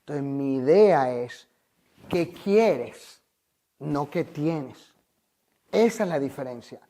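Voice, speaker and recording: A man's voice: on the high side, expressive, slow, dark tone. A Venezuelan man, a life coach, telling his story in an interview in an earnest, emphatic, motivational way.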